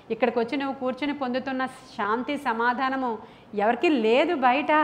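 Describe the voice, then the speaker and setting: A woman pastor preaches to her congregation in a church, her fairly high voice impassioned and emphatic. The sermon is packed with rhetorical questions and repeated phrases, with slight background noise underneath.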